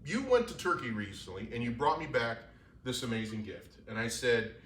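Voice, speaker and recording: A man's voice: mid-range voice, expressive, normal speed, fairly bright tone, echoey room, slight background noise. A man hosting a casual bar show, joking and upbeat as he chats with a guest. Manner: jokey, upbeat, loose. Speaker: host. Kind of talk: casual chat.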